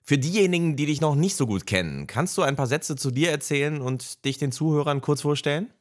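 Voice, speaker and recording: A man hosting a podcast who translates his guest's answers line by line in a steady, plain way. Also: a little high, a little fast. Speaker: podcast host and interpreter. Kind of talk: podcast interview with German interpretation.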